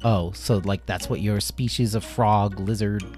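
A man's voice: on the low side, fairly even intonation, measured pace, a little mellow, soft background music, lightly acted. A man voicing a brash, cocky young female cat who boasts about her karate. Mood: blunt. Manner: blunt, cocky.

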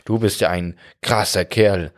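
A man's voice: deep voice, steady tone, measured pace. A man voicing a passive-aggressive, falsely accommodating lung in a comedy podcast. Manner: sugary, falsely agreeable.

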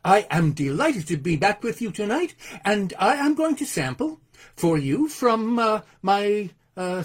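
An older man reading his own poems aloud, expressive and theatrical, with hesitant asides between them. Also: sits high, husky. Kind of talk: poetry reading with spoken asides.

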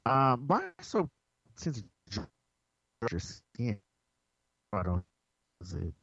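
Brief: male podcast host, animated delivery, heard over a choppy breaking-up call line, dull sound. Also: medium pitch, slow pace, gravelly, no echo. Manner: chatty, restarts, lively intonation. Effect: choppy, breaking-up call connection. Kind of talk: casual quiz chat. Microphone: remote call. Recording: dull, dry online call audio.

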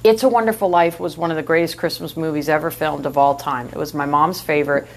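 A chatty woman with a New York accent co-hosts a casual podcast. Her voice sits fairly low, and she tells stories in a playful, self-mocking way. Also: fairly even intonation, fast, creaky, rough recording. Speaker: podcast co-host. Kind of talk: casual chat.

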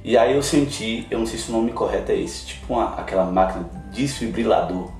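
A man's voice: lowish voice, brisk, a little mellow. Man, missionary guest, emotional storytelling, echoey room, faint background music. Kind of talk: personal testimony in a podcast interview. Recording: roomy, distant mic, faint music.

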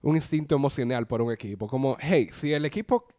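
A man's voice: mid-range voice, a little fast, dark tone. A man with a Dominican accent giving slangy, opinionated takes in a casual chat about sports.

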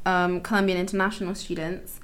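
A woman's voice: lowish voice, flat delivery, brisk. A young woman from London talking as a guest in a casual conversation, hesitant and full of restarts. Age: young adult. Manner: hesitant, many ums and restarts, laughs often.

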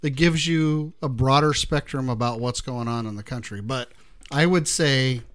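A man hosting a casual talk show, relaxed, laughing easily and steering to new topics. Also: medium pitch, normal speed, clean tone. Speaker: podcast host.

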